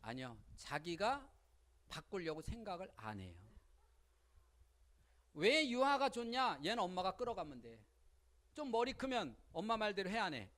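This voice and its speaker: A woman giving a lively seminar lecture on parenting, speaking colloquially, often asking the audience questions and acting out little quotes. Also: mid-range voice, normal speed, long pauses. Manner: colloquial, with frequent rhetorical questions and acted-out quotes.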